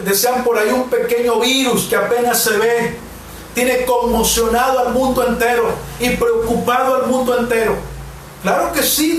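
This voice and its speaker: A man in his forties from Mexico, a pastor preaching a devotional and then leading prayer, with slow, emphatic repetitions. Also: very high voice. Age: 40s. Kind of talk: sermon and prayer. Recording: very echoey room, distant mic, faint hiss.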